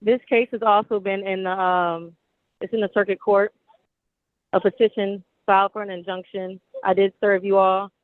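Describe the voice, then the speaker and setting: A woman argues her case down a tinny, clipped phone line, with the sound dry and narrow. She speaks insistently and legalistically, pressing the same points again and again. Her voice sits at an ordinary middle pitch. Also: little pitch movement, moderate pace, no echo. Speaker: tenant defendant appearing remotely. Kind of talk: arguing in a court hearing. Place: calling into a court hearing by phone.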